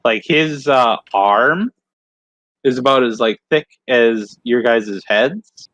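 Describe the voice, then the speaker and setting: A man's voice: mid-range voice, slow, a bit bright, no echo, low-quality recording. A man narrating as the game master of a tabletop game, hesitant and full of fillers. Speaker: dungeon master.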